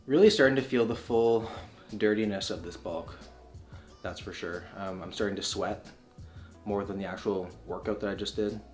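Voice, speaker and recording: A man's voice: on the low side, moderate pace, soft background music. A young man chatting casually and jokingly in a fitness vlog, explaining diet tips. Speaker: fitness vlogger.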